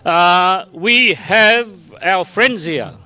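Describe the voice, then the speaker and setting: A man's voice: sits high, very slow, bright, forceful tone, clear, resonant tone. A man speaking casually as a tour guide, announcing to a group at a festival.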